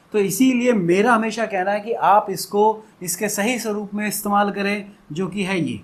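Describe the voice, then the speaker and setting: A young adult man teaching a Hindi lesson, explaining patiently and drawing out syllables to show pronunciation. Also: sits high. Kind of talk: classroom-style lesson explanation.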